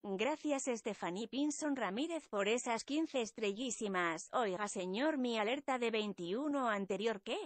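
A synthetic woman's voice reading out viewer donation messages in an even, flat way. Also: a little high, a little slow, dry recording. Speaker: donation alert voice. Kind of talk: text-to-speech alert reading.

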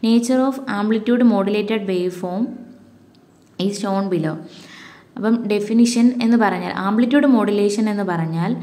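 A woman with a Malayali accent teaching an exam-prep lesson, reading English definitions slowly, then explaining them in her own words. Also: medium pitch, mellow.

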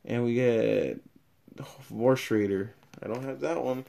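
A man's voice: mid-range voice, slow, gravelly, mellow. A young man giving a casual unboxing review of collectible cards, thinking aloud, his voice fading in and out as he moves around the camera. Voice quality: level drops in and out as he moves. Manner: rambling, thinks aloud while opening packs. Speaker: card collector reviewing a product. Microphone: camera mic, filming at an awkward angle.

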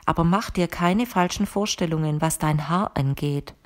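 A composed, mysterious woman with a low voice, read by a woman narrator, who talks to her guest in a calm, matter-of-fact and firm way. The tone stays measured and sure throughout, as in an audiobook scene. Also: natural voice. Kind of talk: audiobook character reading.

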